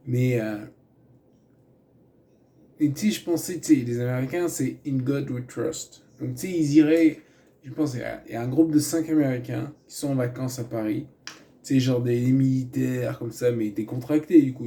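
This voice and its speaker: A man's voice: medium pitch, warm tone. A man giving a loose, rambling film review in casual chat, full of fillers, restarts and asides. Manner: meandering, many fillers and restarts, chatty asides.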